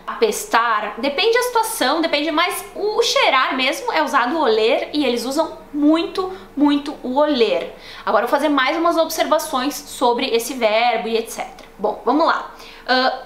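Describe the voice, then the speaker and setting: A young woman with a Brazilian Portuguese accent, teaching a casual online language lesson in a chatty, explanatory way that slows down to model words for practice. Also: a little high, a bit bright. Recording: roomy echo, faint background noise.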